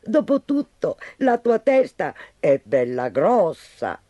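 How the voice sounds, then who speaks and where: A man's voice: a little high, wildly swooping pitch, slow pace, lo-fi sound, exaggerated voice. A man voicing a worried, protective mother duck in a storybook tale, with fretful exclamations. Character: fussing worried mother duck, female adult.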